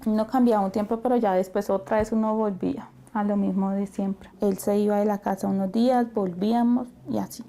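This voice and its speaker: Mellow-voiced Colombian woman giving testimony. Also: medium pitch, fairly even intonation, fairly quick, vocal fry, hardly any pauses, a little hiss or hum. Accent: Bogotá Colombian. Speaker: interviewee. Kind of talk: personal testimony.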